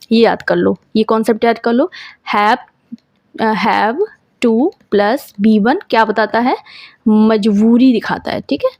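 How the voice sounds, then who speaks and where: A woman teaches grammar for exam preparation, speaking. Her voice sits a little high. She keeps posing questions and answering them herself, and the recording is close and dry. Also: darkish tone, no echo. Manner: explains in Hindi, reads English questions slowly, asks and answers herself. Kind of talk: exam-prep grammar lesson.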